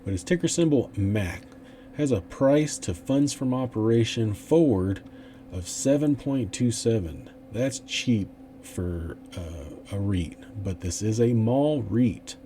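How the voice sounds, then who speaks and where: A man with a lowish, warm, expressive voice speaks slowly as he hosts an investing channel, rambling casually through his stock picks with plenty of fillers and restarts. There is a slight hiss or hum on the audio.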